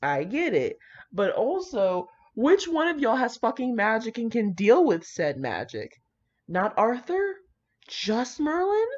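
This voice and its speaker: A video creator reads fan fiction aloud and comments on it, her slightly high, slightly mellow voice swinging hugely in pitch at a measured pace. Her reactions are casual, brash, slangy, and dramatic. The audio is dull and lo-fi.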